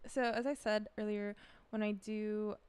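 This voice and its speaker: A woman's voice: mid-range voice, little pitch movement, measured pace, a little mellow, clean tone, no echo, soft background music. A young woman chatting casually while she works, rambling off on tangents and switching between English and Spanish as a learner. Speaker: vlogger preparing DJ sets. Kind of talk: casual chat while working.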